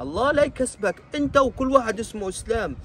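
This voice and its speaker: A man's voice: very high voice, expressive, fast, fairly bright tone. A man hosting a reaction video, ranting in mock outrage and exasperation. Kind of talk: comic reaction commentary.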